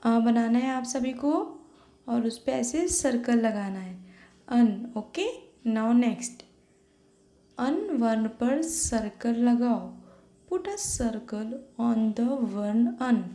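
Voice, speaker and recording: A woman's voice: fairly high pitch, mellow. A young adult woman, teaching young children step by step and checking in with "okay" after each point, often slipping English words into her talk. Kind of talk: online class lesson for young children. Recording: echoey room.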